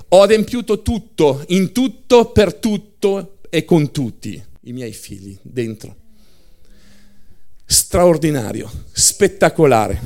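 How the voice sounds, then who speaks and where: A man's voice: high voice, a little mellow. A man preaching a sermon with passion, piling up short phrases one after another.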